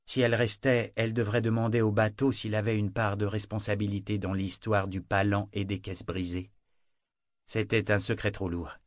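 Low-voiced male audiobook narrator. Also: little pitch movement, normal speed, no echo, studio quality. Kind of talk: scripted fantasy narration.

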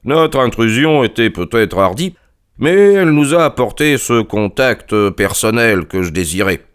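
A man's voice: medium pitch, big pitch swings, measured pace, clean tone. A man voicing a self-assured, ironic male detective in an audiobook, courteous and dry. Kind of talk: audiobook character reading.

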